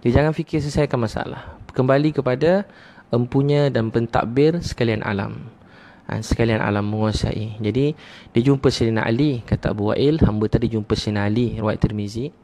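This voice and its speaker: A man's voice: mid-range voice, fairly quick, darkish tone. A middle-aged man preaching a sermon, who repeats his points, asks rhetorical questions and drops frequent "ha" interjections.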